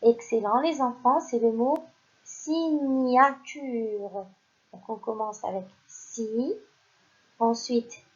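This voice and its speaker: A woman teaching a recorded reading lesson to young children, speaking slowly and carefully and praising the class. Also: on the high side, darkish tone, lo-fi sound. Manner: slow, carefully articulated, praising. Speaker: primary school teacher.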